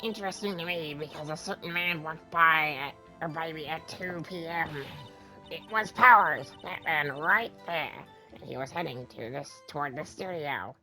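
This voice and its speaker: A man's voice: a little high, normal speed, sharp tone, faint music behind, poor audio. A man voicing a chatty, cranky old woman security guard in a playful video game dub. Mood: gossipy.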